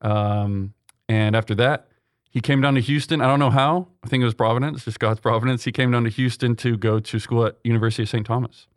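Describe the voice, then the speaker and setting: In a studio-quality interview with no echo, a young Texan seminarian speaks briskly in a mid-range, fairly even voice. He's earnest and conversational, often stumbling with ums and starting sentences over.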